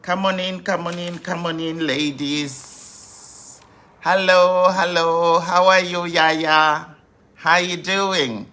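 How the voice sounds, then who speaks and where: A woman in her fifties, a grief coach hosting a live stream, welcoming viewers over and over in an unhurried way with many fillers. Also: lowish voice, fairly even intonation, fairly bright tone. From Zimbabwe.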